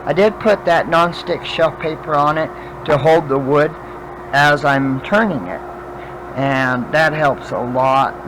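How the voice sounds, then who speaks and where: A man with toothless, slurred speech, chatting casually and haltingly as he demonstrates a craft, thinking aloud while he works. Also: a little high, noisy background. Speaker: craft vlogger demonstrating wood burning. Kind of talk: casual chat while working.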